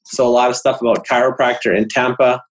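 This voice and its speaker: A man's voice: mid-range voice, level tone, quick pace, poor audio. A man giving a casual website critique on a video call, explaining each section of a page. He talks loosely, with fillers and restarts as he works through his points. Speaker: web design consultant.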